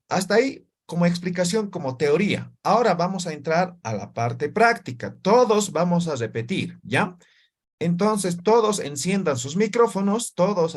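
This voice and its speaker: A man with a high-pitched, expressive voice teaches an online language class at a slightly slow pace. He drills students through repeated syllables and frequently ends his sentences with short tag questions.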